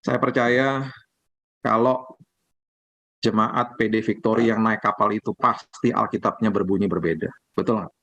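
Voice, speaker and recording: A man, a pastor, preaching a sermon in colloquial, lively storytelling style. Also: fairly low pitch, moderate pace, long pauses, dry recording. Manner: colloquial, animated storytelling, acts out quotes.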